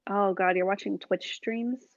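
Gravelly-voiced woman chatting casually. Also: mid-range voice, unhurried, no echo, muffled recording. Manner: chatty, animated when describing shows. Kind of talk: casual chat.

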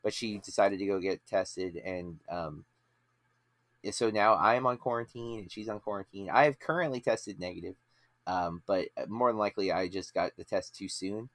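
Low-pitched yet fairly bright in tone, a man in his late thirties hosts a film podcast at a moderate pace, with no echo. He chats casually and rambles, stopping and restarting and using many fillers.

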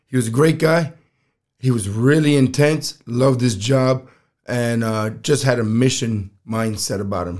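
A man hosting a solo podcast, telling stories casually in a rough, strained voice, halting and plain-spoken, often clearing his throat. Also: mid-range voice, a little mellow. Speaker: podcast host.

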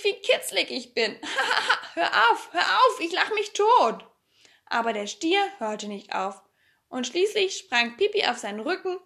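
A woman narrating a children's story in a lively, expressive reading. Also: fairly high pitch. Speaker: audiobook reader.

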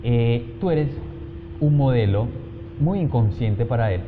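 A man speaks at a mid pitch, lecturing parents directly and pressing his points with frequent check-ins. The recording is dull and lo-fi, with a steady noise running underneath. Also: takes it slowly. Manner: emphatic, repeats checking tag questions. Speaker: parenting advice vlogger. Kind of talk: direct-address advice talk.

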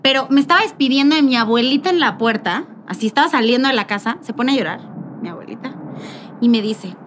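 A woman's voice: high voice, quick pace, slight background noise. A woman with a Mexican accent co-hosting a podcast in casual chat, laughing often and acting out what others say. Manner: laughing, animated, acts out voices. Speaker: podcast co-host.

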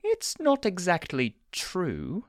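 A woman's voice: lowish voice, wildly swooping pitch, slow pace, no echo, clean studio sound, heavily acted. A woman voicing a prim, bookish male angel who talks in a flustered, waspish way.

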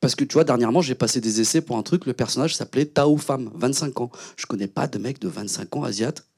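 Casting note: young adult man, panel guest, loose slangy storyteller, mid-pitched. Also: fast talker, darkish tone, breathy edge. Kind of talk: casual panel talk.

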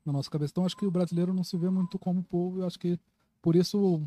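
A very mellow, dark-toned man with a Carioca accent from Rio, talking quickly in a casual podcast chat. He is opinionated and informal, and drops in swear words as he goes. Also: high voice, little pitch movement. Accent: Carioca (Rio de Janeiro) Brazilian. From Rio de Janeiro, Brazil.

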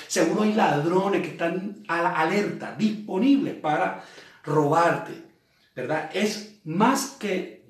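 A man preaches in a relaxed, conversational way, reading verses slowly before unpacking them and often asking his listeners rhetorical questions. His voice sits a little high for a man. He sounds set back from the microphone in a very echoey room. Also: far from the mic. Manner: reads scripture aloud slowly, then explains it. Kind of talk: sermon.

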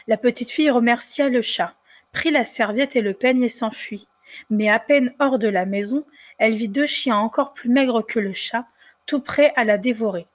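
High-voiced woman reading a fairy tale. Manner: measured, expressive storytelling. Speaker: storyteller. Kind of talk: storybook reading.

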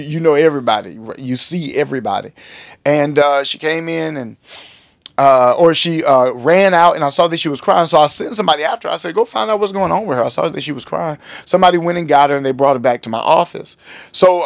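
Animated pastor telling stories. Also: male voice, vocal fry, no echo. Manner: animated and joking, often restarts words, rises high when surprised. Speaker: pastor and podcast host. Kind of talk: casual storytelling monologue.

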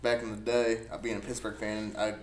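A man's voice: lowish voice, flat delivery, fairly quick. Rambling man in casual sports chat. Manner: rambling, self-correcting storyteller. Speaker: podcast co-host. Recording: roomy with faint background noise.

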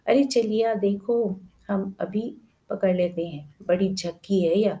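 Woman reading as a chatty bossy young girl, teasing, mellow dark tone, storybook. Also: medium pitch, slow pace, low-quality recording.

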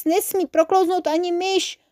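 A woman's voice: extremely high pitch, little pitch movement, dark tone, voice pushed up. A woman voicing a boy who leads a band of child agents in a storybook, firm and commanding.

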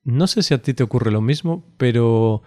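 A man from Spain co-hosting a podcast in casual, unscripted conversation, relaxed and chatty with frequent laughs and hesitant fillers. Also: medium pitch, moderate pace, no echo, studio quality. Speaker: podcast co-host.

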